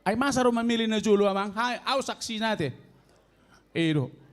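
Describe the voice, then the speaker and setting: A man in his sixties with a Toba Batak accent, telling a comic story in a slow, drawn-out way to an audience of elders. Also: high-pitched. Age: 60s. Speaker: elderly stand-up contestant. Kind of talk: stand-up comedy storytelling.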